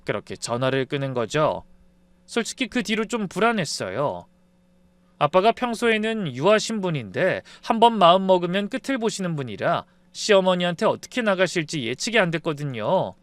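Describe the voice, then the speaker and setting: A man's voice: high-pitched, very animated, moderate pace, fairly bright tone, no room sound. A man narrating a scripted story in a confiding, conversational way.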